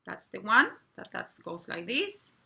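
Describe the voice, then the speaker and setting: A woman with a Chilean Spanish accent talks casually and haltingly, stumbling now and then over words. Her voice is bright and clear. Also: mid-range voice, sing-song. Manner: warm, halting, with small slips and restarts. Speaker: co-host. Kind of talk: casual product chat.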